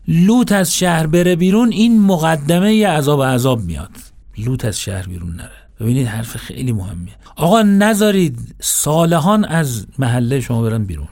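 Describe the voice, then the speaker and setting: A man delivering a religious sermon, moving between recited verses and casual, conversational explanation to listeners. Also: medium pitch. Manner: animated, shifts between recitation and conversational address. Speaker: religious lecturer. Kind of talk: Quranic sermon with colloquial asides.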